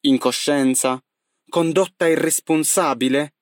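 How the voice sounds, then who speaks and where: A man's voice: fairly high pitch, steady tone, measured pace, no room sound, clean studio sound, natural voice. A man voicing a defiant young male seagull who pleads with his flock in a rising, impassioned voice, in a storybook reading.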